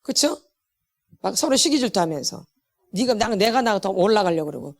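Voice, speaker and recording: In a mid-range voice at normal speed, a middle-aged woman lectures a church healing class. Her delivery is lively and forceful, with repeated words for emphasis and laughter between her lines.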